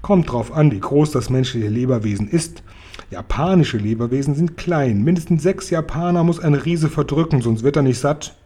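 A man's voice: on the high side, normal speed, dark tone, breathy edge, voice pushed up. A man doing Guri, a kind word-mangling giant. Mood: earnest. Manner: mangles words, folksy and good-natured. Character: kind big friendly male giant. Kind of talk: bedtime story reading.

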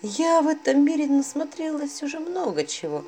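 A woman narrating a first-person story in a wry, lively way, voicing the characters as she goes. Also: high-pitched, moderate pace, slight background noise.

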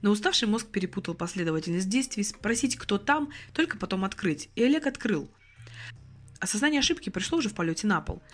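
A woman's voice: medium pitch, quick pace. Woman narrating an audiobook expressively. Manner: expressive storytelling.

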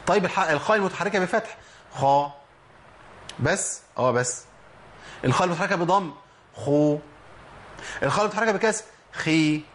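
A man with an Egyptian accent teaches tajweed at a brisk, rapid clip, in a voice that sits a little on the high side. He poses questions to himself and then answers them, demonstrating each letter sound aloud. A faint hiss runs under the recording. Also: animated, fairly bright tone. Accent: Egyptian Arabic. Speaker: Quran recitation teacher. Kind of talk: tajweed lesson.

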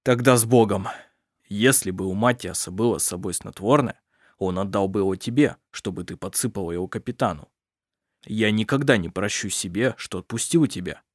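A man's voice: lowish voice, fairly quick, dry recording, lightly acted. Brief: male reader as a worried father, firm, earnest, near natural voice, dry recording. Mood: earnest worry. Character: worried middle-aged father, protective.

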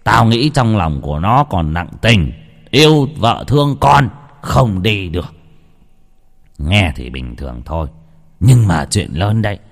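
A man voicing an old village shaman who gives stern, gruff orders slowly. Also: fairly low pitch, very animated, exaggerated voice. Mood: solemn. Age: older. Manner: slow, stern, gruff commands. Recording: long reverb.

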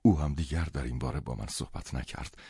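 A man reading a novel aloud as an audiobook narrator, in measured first-person storytelling. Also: rumbling low, creaky, dark tone, husky, no room sound, clean studio sound.

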